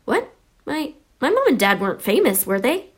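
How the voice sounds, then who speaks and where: A woman voicing a timid, curious young boy who speaks politely and haltingly in a storybook. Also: sits high, wildly swooping pitch, voice pushed up, full character voice. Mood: astonished, curious. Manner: hesitant, stammering, polite.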